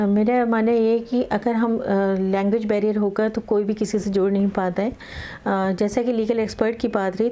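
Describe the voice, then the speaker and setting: Middle-aged female advocate, interview guest; measured, pause-filled delivery, warm and dark in tone. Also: mid-range voice. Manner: measured, many filler pauses, mixes English legal terms into Hindi. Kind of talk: explaining in conversational interview.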